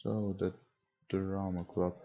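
On a dull lo-fi mic with game music and mouse clicks in the background, a young man reads a visual novel aloud and adds casual, hesitant commentary as a gaming host; English isn't his first language. His voice is low-pitched and gravelly, with a slow, flat delivery.

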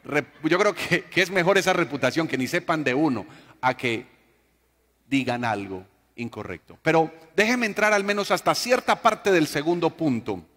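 A man's voice: fairly high pitch, expressive, moderate pace, a bit bright, in a large hall. A man preaching a sermon, telling stories and joking with the congregation. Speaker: pastor.

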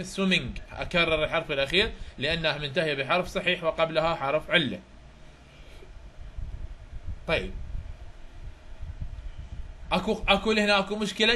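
Iraqi-accented male tutor, high, bright and sharp tone, reviews grammar through examples, quizzes his class often. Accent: Iraqi Arabic. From Iraq. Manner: explains through examples, often checks if students follow. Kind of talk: chapter review lecture.

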